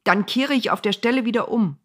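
A woman's voice: on the high side, fairly quick, pitched above the performer's own voice, lightly acted. A woman voicing a proud old male prophet who begs for forgiveness. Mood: pleading. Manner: agitated then pleading.

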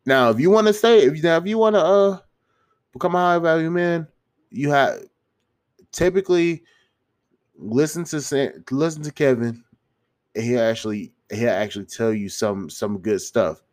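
A man's voice: a little high, normal speed, long pauses. A man with a stuffy, congested nose gives casual motivational advice to viewers, rambling in slangy, sweary language and often restarting his phrases. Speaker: YouTuber giving self-improvement advice.

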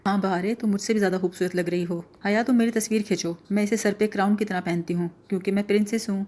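A woman voicing an excitable, proud little girl in an audiobook, talking loudly and insistently. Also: medium pitch, close to an everyday voice. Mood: delighted.

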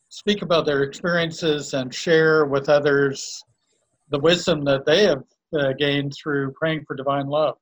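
A man from Canada in a casual conversation, introducing friends in a halting, complimentary way. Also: a little high, a bit bright, rough recording. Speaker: guest and co-host introducing friends.

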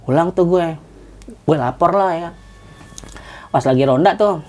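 A woman spins a story in casual slang, acting out the voices of the people in it. Her voice sits a little low for a woman. She talks into a podcast microphone. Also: unhurried. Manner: lively, slangy, acts out quoted voices. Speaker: guest storyteller.

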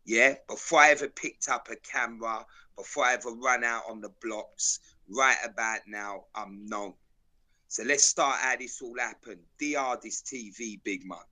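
A man with a South London accent tells stories in street slang, speaking emphatically and declaratively with lots of repetition. His mid-range voice is bright and forceful, with fairly even intonation and a normal speed, though the recording is rough. He appears as an interview guest and is a videographer.

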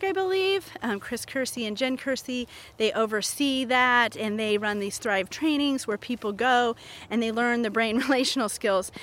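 Woman in her forties, therapist podcast host, chatty and animated, fairly high voice. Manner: chatty and animated, laughs often. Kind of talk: casual podcast monologue.

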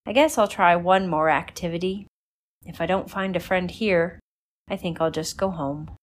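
A woman's voice: lowish voice, moderate pace, close to an everyday voice. A woman doing a shy, wistful little girl. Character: shy lonely young girl, invisible.

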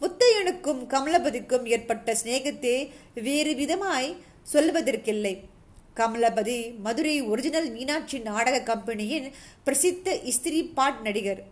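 High-voiced woman reading a novel aloud. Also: measured pace. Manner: steady storytelling with occasional slips and restarts. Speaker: narrator.

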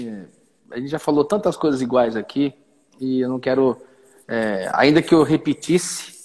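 A man, co-host of a casual devotional chat, speaking in a relaxed, measured way. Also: mid-range voice. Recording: long reverb trail on the voice.

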